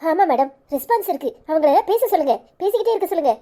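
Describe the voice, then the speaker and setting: A woman voicing a firm female doctor giving brisk instructions in a cartoon. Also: very high-pitched, lively intonation, mellow. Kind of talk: cartoon voice acting.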